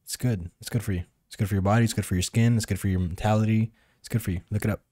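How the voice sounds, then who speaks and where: A man's voice: fairly low pitch, steady tone, rapid-fire, dark tone. A young man in casual conversation as a podcast co-host, recorded at a table microphone in a small studio. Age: young adult. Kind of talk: casual chat. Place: small indoor studio with padded walls.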